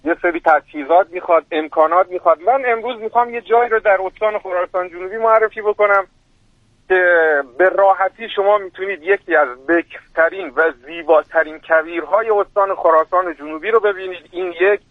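A man's voice: high voice, no room sound. A man with a strong Birjandi accent, a lecturer calling into a radio show, explaining things in a formal, polite and eager way. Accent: Birjandi Persian. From Birjand, Iran. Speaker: guest expert, university lecturer. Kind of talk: radio talk by phone. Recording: tinny phone line.

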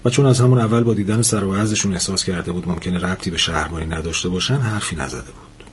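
A man narrating a novel in a steady, measured audiobook reading. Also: low-pitched, a little hiss or hum.

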